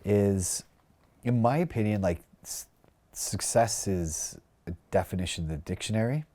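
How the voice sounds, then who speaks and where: A man's voice: on the low side, animated, normal speed, mellow. A man talking earnestly and reflectively in a casual conversation, heavy on "like" and "you know.". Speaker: podcast guest, career coach.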